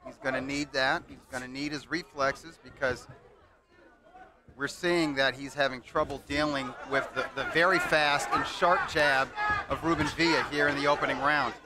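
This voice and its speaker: A man's voice: mid-range voice, fairly even intonation, normal speed. A man giving unscripted colour commentary on boxing in a conversational, explanatory way. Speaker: boxing analyst. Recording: live event with crowd noise behind. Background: boxing crowd.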